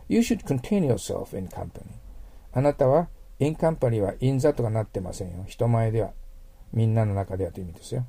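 A man's voice: medium pitch, creaky, mellow, breathy edge, no room sound. A man teaching English vocabulary in a patient lecture, explaining word roots and checking in with his students as he goes. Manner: patient, repeats words, checks in with "ne" and "hai".

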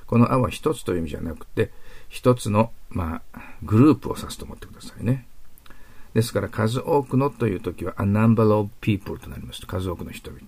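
A man teaching English idioms in a patient, explanatory lecture, reading the English examples slowly and carefully. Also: lowish voice, animated, a little mellow, slightly rough. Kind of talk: classroom grammar lecture.

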